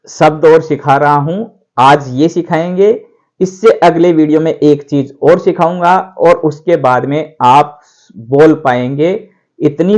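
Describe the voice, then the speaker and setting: Man teaching, slow drilled repetitions. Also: a little high, darkish tone. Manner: slow, drawn-out repetition of words for practice. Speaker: language teacher. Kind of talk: instructional video lesson.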